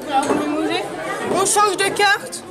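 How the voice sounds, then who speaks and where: Card tricks at a kids' party come with live patter from a magician whose very high voice never rushes. He instructs volunteers and poses questions to them while a loud crowd fills the large, echoing room.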